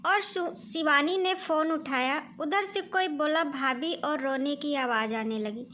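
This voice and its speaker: A woman narrates a scripted family story in a high, clear voice. Her delivery is steady and earnest. A faint hiss sits under the recording. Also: unhurried.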